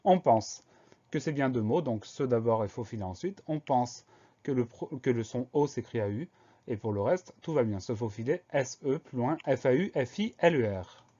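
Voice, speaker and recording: Man slowly spelling words out. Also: medium pitch, expressive, warm tone, dull audio. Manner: slow, deliberate spelling out of letters. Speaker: teacher. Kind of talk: spelling lesson narration.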